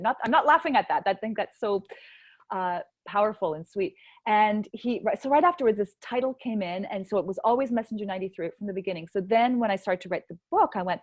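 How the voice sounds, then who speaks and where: A woman author talks on a video call, eager and a little rambling, circling back with restarts as she explains herself. Her voice sits at an ordinary pitch. The audio is dry and close. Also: no echo. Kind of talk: casual virtual book launch talk.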